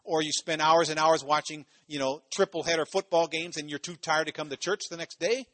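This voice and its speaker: A man's voice: a little high, steady tone, fairly quick, fairly bright tone, no echo. A man from Ohio preaching a sermon in a loose, conversational way, full of "you know" asides and phrases repeated for emphasis. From Ohio, USA.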